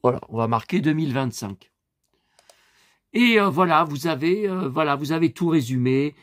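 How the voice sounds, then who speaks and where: In a clean studio recording with no echo, a man in his fifties speaks at normal speed with a fairly high pitch. A collector doing a casual screen-share vlog, he rambles to viewers with plenty of fillers, becoming indignant and animated when riled.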